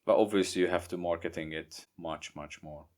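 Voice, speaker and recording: A young Hungarian man with a Hungarian accent, a guest author talking casually in a podcast interview, halting and repeating words. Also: low voice, fairly even intonation. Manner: halting, repeats words, non-native grammar. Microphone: remote podcast recording.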